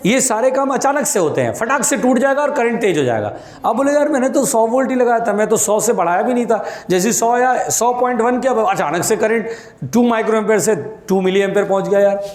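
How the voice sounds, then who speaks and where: In an echoey classroom, a high-voiced male teacher lectures on physics. He goes over his points repeatedly, calls his students "beta," and tells off those who talk.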